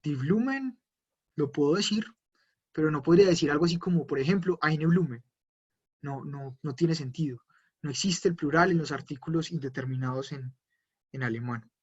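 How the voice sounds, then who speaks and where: A German teacher, male with a husky and fairly high voice, leads a live online lesson at a moderate pace. He explains things patiently and handles incoming viewer questions. Computer-mic audio leaves it dull and lo-fi.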